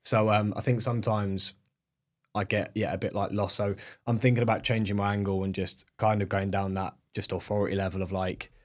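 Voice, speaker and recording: A man's voice: on the low side, little pitch movement, brisk. A young man from England with a British accent, chatting casually as a podcast guest and filling his talk with "like" and "um". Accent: British English. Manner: chatty, many fillers like "like" and "um". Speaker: guest, agency owner.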